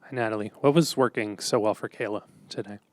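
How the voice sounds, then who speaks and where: A man reporter puts direct, conversational questions to a coach. He talks quickly, and the sound is dry and close. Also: lowish voice, no room sound. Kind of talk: press conference question.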